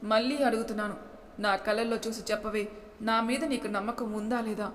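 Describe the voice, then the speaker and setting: A woman voicing a hot-tempered, possessive young husband who talks gruffly and bossily in a storybook reading. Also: on the high side, steady tone, brisk, a little hiss or hum, lightly acted. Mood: angry. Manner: gruff, bossy. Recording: long hall reverb.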